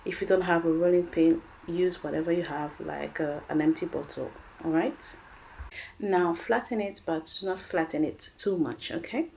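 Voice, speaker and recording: This woman speaks at a normal speed in a lowish, creaky, slightly mellow voice, with a faint hiss or hum. She has a French accent and hosts a cooking channel, narrating a recipe voice-over in a chatty, encouraging way and calling her viewers guys and friends.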